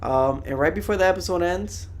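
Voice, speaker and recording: A man's voice: high-pitched, a little fast, a little hiss or hum. A young man giving a casual, slangy, rambling anime review to viewers.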